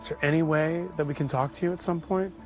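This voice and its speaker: A man's voice: on the high side, steady tone, fast talker, darkish tone, faint music behind. A man, a news correspondent, asking questions politely and urgently. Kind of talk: doorstep interview.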